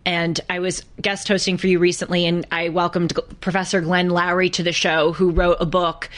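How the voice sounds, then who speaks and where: A woman co-hosting a podcast, telling a story in an earnest, halting way. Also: fairly low pitch, level tone, a bit bright. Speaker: podcast co-host. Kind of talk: casual podcast conversation.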